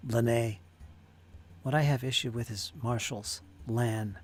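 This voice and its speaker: A man's voice: medium pitch, fairly even intonation, slow, darkish tone, slight background noise. A man hosting a miniature-painting stream, chatting casually and musing aloud over how words are pronounced. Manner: muses aloud over pronunciation, chatty and joking. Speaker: channel host painting miniatures. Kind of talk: casual chat while painting.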